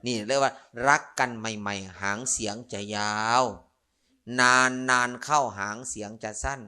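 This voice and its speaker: A man preaching as a Buddhist monk, his Isan accent running through a lighthearted Dharma talk. He tells stories and jokes and teases the people listening. His voice is bright and forceful, carrying each punchline. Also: fairly low pitch, a little slow, clean tone. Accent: Northeastern Thai (Isan). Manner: joking, storytelling, playful asides to the audience. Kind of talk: humorous Dharma sermon.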